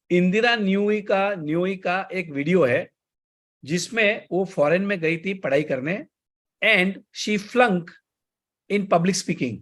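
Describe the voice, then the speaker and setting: A man's voice: sits high, slow pace, fairly bright tone. Indian man coaching a class. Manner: varies pace and volume on purpose, mixes Hindi and English. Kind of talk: online class talk.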